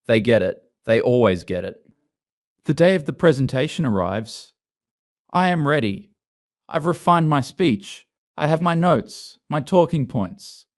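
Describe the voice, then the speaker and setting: A man narrating an online story in a steady, scripted storytelling read. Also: mid-range voice, a little slow.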